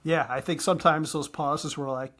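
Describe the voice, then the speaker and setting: Man podcast co-host, casual chat, quick talker who trips over his words. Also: a little high, fairly even intonation, a bit bright. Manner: talks fast, stumbles and repeats words.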